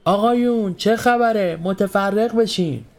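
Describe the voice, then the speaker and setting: A man's voice: sits high, voice pushed up, close to an everyday voice. A man voicing a short young police officer barking orders at a crowd, in a storybook reading. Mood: commanding. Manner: barking commands.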